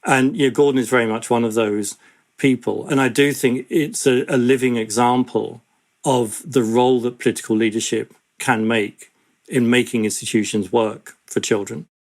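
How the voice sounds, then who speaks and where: A man, an education advocate, speaking in an earnest, measured way in an interview. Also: mid-range voice, fairly even intonation. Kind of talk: reflective interview talk.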